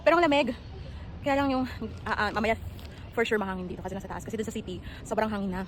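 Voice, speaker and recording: A woman vlogging on a climb up long outdoor stairs, chatty and animated, out of breath, mixing in English and laughing often. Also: mid-range voice, quick pace. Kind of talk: casual travel vlog chat. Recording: outdoor phone audio with clear background noise.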